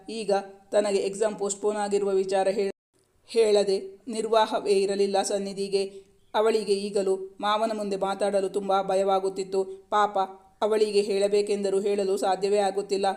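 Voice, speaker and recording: A man reading a romance story aloud as narrator, in a steady, even storytelling manner. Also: high voice.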